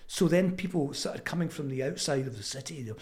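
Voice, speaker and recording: A man in his seventies with a Fife Scottish accent, telling stories reflectively as an interview guest, halting and thoughtful with frequent pauses. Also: fairly high pitch, lively intonation, a little mellow. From Fife, Scotland. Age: 70s. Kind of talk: reflective conversational storytelling.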